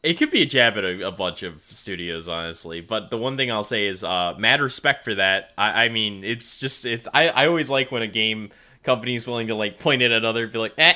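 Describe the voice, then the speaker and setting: A man co-hosting a podcast, chatting casually about video games and jumping into high-pitched exclamations. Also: a little fast, bright, forceful tone. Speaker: podcast co-host. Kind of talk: casual gaming chat.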